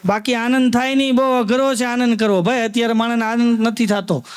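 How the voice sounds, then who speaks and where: A man performs live stand-up. His voice sits very high, and he tells homely stories, slipping into the voices of the old people in them. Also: fairly even intonation, fairly quick, smooth. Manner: folksy storyteller addressing the audience as sir, acting out old folks. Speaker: stand-up comedian.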